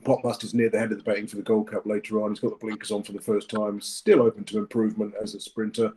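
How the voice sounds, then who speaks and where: A man's voice: fairly low pitch, flat delivery, quick pace, mellow, low-quality recording. A man giving his horse racing tips in a casual chat, often hesitating with fillers and restarts. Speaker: racing tipster.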